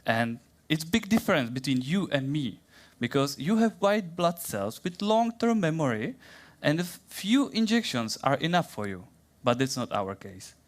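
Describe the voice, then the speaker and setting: A young man with a Czech accent giving a playful, theatrical science talk in a plant's voice, then answering questions in halting English. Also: fairly high pitch, sing-song. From Czech Republic. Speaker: science communication contestant.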